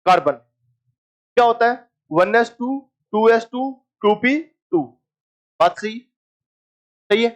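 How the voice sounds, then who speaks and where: A male chemistry teacher lecturing a class, asking his students questions, answering them himself and joking with them. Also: very high voice.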